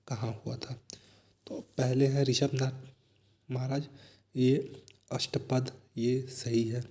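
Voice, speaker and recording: Slow, flat-toned Indian man teaching. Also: medium pitch. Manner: reads questions slowly, then explains in fast asides. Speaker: exam prep teacher. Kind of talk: explaining exam answers.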